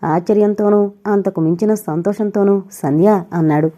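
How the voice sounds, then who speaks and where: A woman narrating an audio novel in a steady, even storytelling delivery. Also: fairly low pitch, moderate pace, muffled recording.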